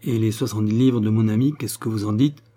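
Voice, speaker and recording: A stiff, flustered captain answering in short, formal replies, as the narrator of an audiobook plays him. His voice is mellow and slightly husky, close to the reader's own. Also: lowish voice, steady tone, quick pace, lightly acted.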